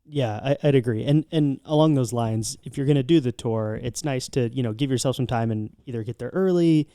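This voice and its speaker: A man's voice: mid-range voice, brisk, dark tone, dry recording, studio quality. An American man co-hosting a podcast, chatting casually as he gives travel recommendations. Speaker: podcast co-host.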